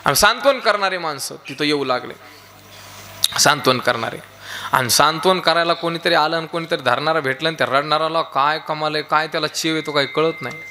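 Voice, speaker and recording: Male kirtan preacher, high voice, animated and joking storyteller. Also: fairly quick, a little hiss or hum. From Maharashtra. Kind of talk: humorous devotional kirtan sermon.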